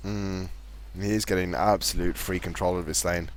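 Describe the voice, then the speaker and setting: A man casting a live video game match, fast play-by-play with a fairly steady delivery. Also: sits low, slight background noise. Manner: fast, chatty play-by-play talking to co-caster; calls his own voice monotone. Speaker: esports caster.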